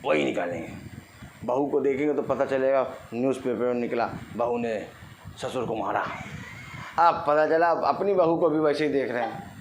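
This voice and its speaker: A man's voice: mid-range voice, moderate pace, a little hiss or hum. A middle-aged man preaching a sermon with congregation responses, acting out everyday people with playful mockery and laughter. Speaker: pastor.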